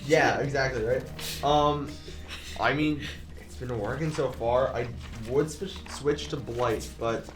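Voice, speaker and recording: A man's voice: mid-range voice, far from the mic. A man plays his turn in a tabletop game, stopping and restarting often as he thinks aloud. His voice sounds roomy, with music running in the background. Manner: halting, many restarts. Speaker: player.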